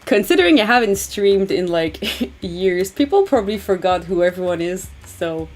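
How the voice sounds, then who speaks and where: A woman's voice: medium pitch, lively intonation, moderate pace, a little mellow. Giggly woman hosting a chatty stream. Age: 30s. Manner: giggly, chatty, with many fillers. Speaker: livestream host. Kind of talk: casual chat.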